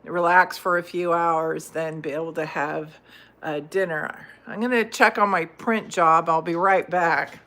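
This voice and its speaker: Slow, rambling woman in an echoey kitchen. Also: fairly low pitch, steady tone, a bit bright. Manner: rambling, chatty, self-deprecating asides. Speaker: home cook vlogger. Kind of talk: casual live cooking chat. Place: home kitchen. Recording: roomy, distant kitchen sound with faint noise.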